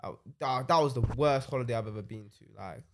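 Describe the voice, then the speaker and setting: Young male, London urban roadman accent, rapid slangy conversational storyteller, frequent "innit". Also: mid-range voice, a little hiss or hum. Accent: London-style urban British, roadman slang. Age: young adult. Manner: slangy, tags sentences with "innit". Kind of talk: casual chat, anecdotes.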